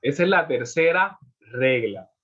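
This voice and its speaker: A man's voice: fairly high pitch, lively intonation, a little slow, fairly bright tone. A man teaching an English class in Spanish, explaining rules step by step and checking in with his students after each point. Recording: muffled lo-fi audio.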